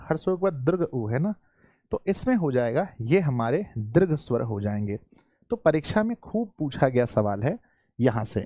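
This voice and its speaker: A man teaching a live online class to students, repeating each question and often clearing his throat. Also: fairly high pitch, mellow, no echo, clean studio sound.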